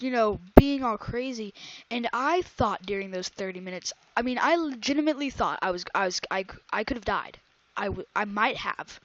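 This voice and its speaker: A woman's voice: fairly high pitch, no echo, highs cut off. A woman doing casual let's-play commentary, rambling and melodramatic, on a close desk microphone at home. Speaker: gaming YouTuber. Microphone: desk microphone close to her breathing.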